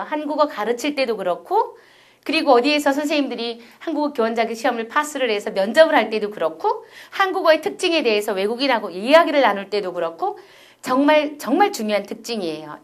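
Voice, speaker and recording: A middle-aged woman giving a recorded university lecture, explaining step by step and often asking her listeners rhetorical questions. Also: high voice.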